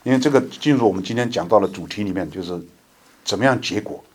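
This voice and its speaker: A man preaching a conversational sermon to his congregation, slowing down to read scripture aloud. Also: lowish voice. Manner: conversational, reads scripture slowly and deliberately. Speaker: lay preacher.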